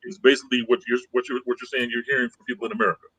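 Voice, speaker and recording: In a casual podcast chat, a man lays out his view in a rapid-fire delivery, calm and conciliatory, rambling and repeating phrases as he circles back. His mid-range voice is husky and a bit breathy. The lo-fi sound is dry and close, with no room echo.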